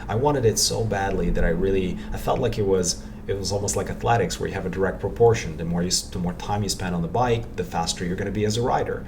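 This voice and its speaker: Speaking fast with few pauses, a low-voiced Ukrainian man appears as a meditation practitioner on a casual podcast, thinking aloud reflectively and repeating words as he hunts for them. The mic sits at a distance, leaving clear background noise.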